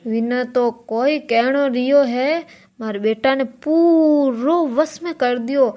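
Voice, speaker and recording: Cartoon Marwari mother-in-law, played by a woman, high-pitched, gossiping and griping about her daughter-in-law. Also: takes it slowly, dark tone. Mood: gossipy. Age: older. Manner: gossipy, complaining. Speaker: cartoon character. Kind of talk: cartoon comedy dialogue.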